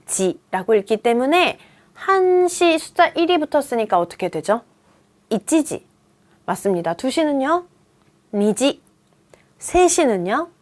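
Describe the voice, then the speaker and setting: A woman's voice: high-pitched, very animated, moderate pace. A woman in her thirties teaching a beginner Japanese lesson, coaxing students along with quiz questions. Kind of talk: video lesson.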